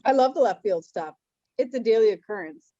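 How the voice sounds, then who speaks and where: A woman's voice: on the high side, animated, brisk, warm tone, no echo. Upbeat woman on a dry, dull call. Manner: upbeat, laughs often. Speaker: business owner. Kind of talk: casual video-call chat. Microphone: video call.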